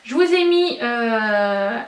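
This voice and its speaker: A woman's voice: on the high side, lively intonation, drawn-out words, slight background noise. A young woman beauty vlogger chatting casually and enthusiastically, with many fillers. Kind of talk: casual chat. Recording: echoey room, mic at a distance.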